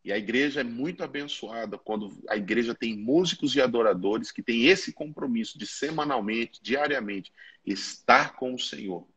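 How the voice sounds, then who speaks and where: A man's voice: medium pitch, normal speed, a bit bright, breathy edge. A man, a pastor and musician, explaining things step by step in an earnest, teaching way. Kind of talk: teaching in a conversation.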